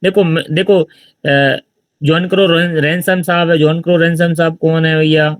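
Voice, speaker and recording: A man's voice: on the high side, flat delivery, normal speed, dry recording. A man giving an informal exam-prep literature lecture, explaining answers and checking in with his listeners. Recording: distant mic with loud background noise.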